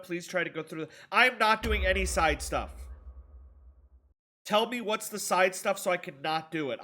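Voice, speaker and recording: A slightly high, bright, forceful male voice comes with a touch of hiss or hum. Stuffed-up and streaming a game, he reads chat aloud and rambles in sarcastic banter with viewers while playing.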